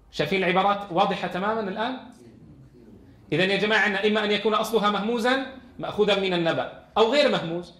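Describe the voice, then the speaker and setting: A man's voice: high-pitched, a bit bright, roomy sound. A man teaching a Quran lesson in a classroom. He reads from a text and explains it, asking his students questions.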